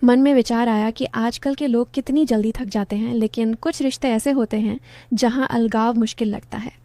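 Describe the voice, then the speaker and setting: एक महिला पहली पुरुष में एक कहानी शांत ढंग से सुना रही है।. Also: female voice, fairly high pitch, steady tone, moderate pace, warm tone, no echo. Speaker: storyteller. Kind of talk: scripted first-person story narration.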